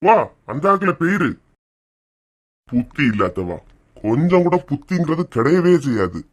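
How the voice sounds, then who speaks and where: A man's voice: a little high, very animated, measured pace. A man with a Kanyakumari Tamil accent voicing an exasperated, scolding husband in a cartoon comedy. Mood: grumbling. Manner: scolding, gruff.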